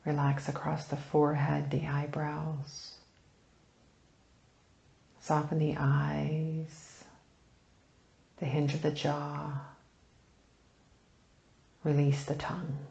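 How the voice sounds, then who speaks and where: A meditation teacher guides a meditation in a low, completely flat voice, speaking softly and soothingly in unhurried phrases with long pauses that turn breathy at the ends. The lo-fi recording sits in an echoey room.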